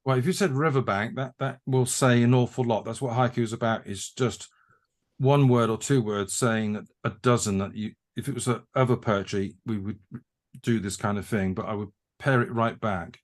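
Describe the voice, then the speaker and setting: A man tutoring a haiku workshop over a video call, talking in halting restarts as he thinks aloud. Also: medium pitch. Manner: halting, repeats words while thinking. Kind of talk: conversational teaching.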